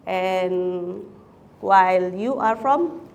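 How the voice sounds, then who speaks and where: A woman's voice: fairly low pitch, extremely slow, gravelly. A woman from the Philippines giving a chaplaincy talk, chatty, asking the audience questions. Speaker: chaplaincy speaker.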